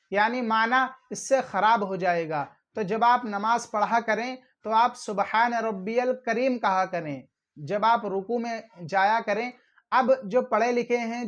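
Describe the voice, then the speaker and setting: Earnest man giving religious instruction. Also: high voice. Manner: earnest, fatherly address with drawn-out fillers. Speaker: religious video host. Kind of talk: religious instruction talk to online viewers. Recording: slightly dull lo-fi audio.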